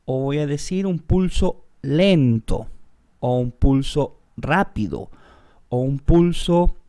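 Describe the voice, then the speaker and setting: Music teacher on a video call, mellow low-key tone, explains slowly and patiently. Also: animated. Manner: patient explaining, calls on students by name. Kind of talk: online group class teaching.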